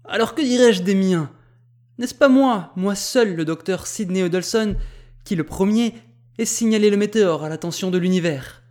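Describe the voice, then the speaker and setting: Storybook: a man voicing a vain rival doctor, shrill, boastful, pitched well up. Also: moderate pace, darkish tone, natural voice. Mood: boastful outrage.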